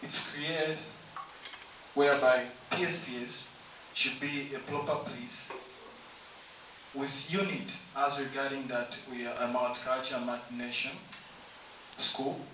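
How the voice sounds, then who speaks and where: A man's voice: medium pitch, steady tone, distant mic. Tanzanian man, student candidate speech, formal listing delivery, picked up from across a very echoey room with a dull hissy sound. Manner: formal, listing points, slow halting delivery. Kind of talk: campaign speech. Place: university room. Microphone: camera from afar, no mic.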